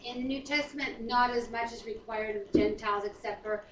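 Mixing easygoing conversation with prayer and scripture, a middle-aged co-host laughs often and makes light of herself. She speaks a little high in a steady tone. Filmed by a camera far away in a wood-paneled dining room, the audio feels roomy and distant.

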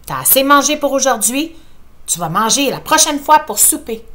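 A woman's voice: high voice, very animated, normal speed, a bit bright, voice pushed up. A woman voicing a patient but firm mother, speaking. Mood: motherly.

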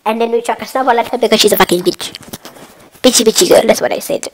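A woman's voice: a little high, rapid-fire, a little hiss or hum, rough recording. A young woman giving crude, comedic commentary over a game, swearing constantly in a bratty manner. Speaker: gamer.

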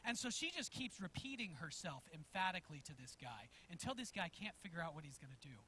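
A man preaching a sermon as pastor in a church, telling a story in an animated way and chuckling as he goes. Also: a little high, fast, slight background noise. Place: church sanctuary.

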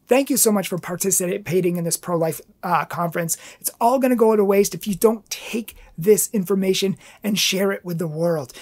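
A man's voice: sits high, darkish tone. A man giving an earnest, impassioned inspirational talk, telling a personal story as a pro-life speaker.

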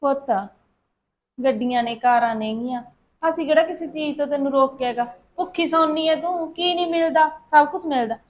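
A woman's voice: sits high, normal speed, lightly acted. An actress playing a thrifty middle-aged mother-in-law who scolds in a lecturing way, with a Punjabi accent. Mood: indignant. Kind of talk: short-film acting.

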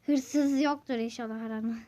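A woman's voice: a little high, fairly even intonation, brisk, mellow. A woman vlogger narrating a game casually and chatting directly to her viewers. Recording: dull lo-fi recording.

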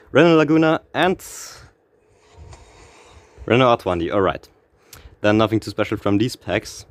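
Excitable man commenting on pack openings. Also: deep voice. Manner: excitable, reads out car names, laughs often. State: slightly out of breath. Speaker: gaming YouTuber.

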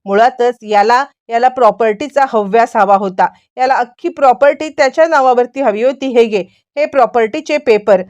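Angry elder brother, bitter and accusing, pitched up, read by a woman narrator. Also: moderate pace, few pauses, darkish tone, lo-fi sound, lightly acted.

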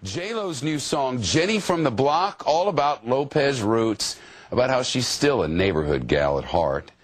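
A man's voice: medium pitch, big pitch swings, a little slow. A male news anchor reading the news while stifling giggles.

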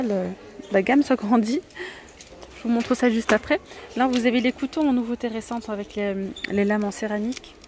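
A woman's voice: a little high, darkish tone, slight background noise. Chatty woman showing off store finds. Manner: chatty and enthusiastic, with many hesitations. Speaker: shopping vlogger. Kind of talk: casual store walkthrough. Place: inside a large discount store.

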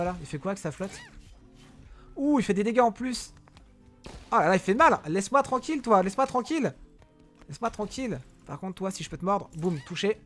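A young man giving excitable live commentary on a mobile game, talking to his viewers and yelling at opponents. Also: a little high. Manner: excitable, shouts during fights, talks to viewers and enemies. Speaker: gaming YouTuber.

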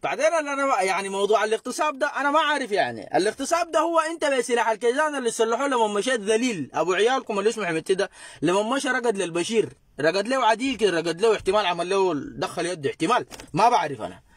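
Sudanese guy mocking a clip, fast, sarcastic, high voice. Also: animated, a bit bright, dry recording, studio quality. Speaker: host reacting to videos. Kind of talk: casual commentary.

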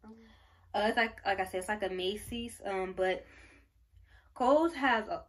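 A woman's voice: medium pitch, slow. Young woman, pregnant, casual vlog, gushing, rambling, lots of fillers, camera mic. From Michigan, United States. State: pregnant, briefly out of breath. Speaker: vlogger. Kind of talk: casual baby haul show-and-tell.

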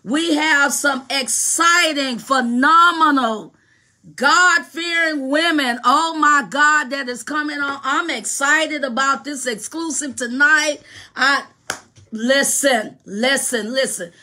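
A woman hosting a live radio podcast over her phone, greeting viewers by name with lively, repetitive excitement. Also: high voice, slow.

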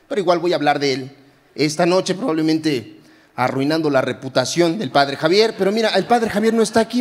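A young Mexican man performs stand-up into a handheld mic, his voice riding high in pitch. He slips into hushed asides and then erupts into loud, exaggerated rants. The sound carries a long theater reverb. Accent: Mexican Spanish. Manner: swings from low asides to loud mock outbursts. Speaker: stand-up comedian. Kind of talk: stand-up comedy set. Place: large theater stage.

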